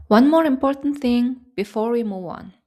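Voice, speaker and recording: A woman's voice: a little high, expressive, moderate pace, mellow. A woman teaching a grammar lesson in a careful, scripted way, reading out example words and their meanings. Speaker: language teacher.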